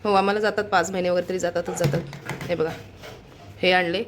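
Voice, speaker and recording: Fast-talking woman vlogging at home. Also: fairly low pitch, steady tone, noisy background. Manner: chatty, addressing viewers directly. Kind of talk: casual home vlog narration.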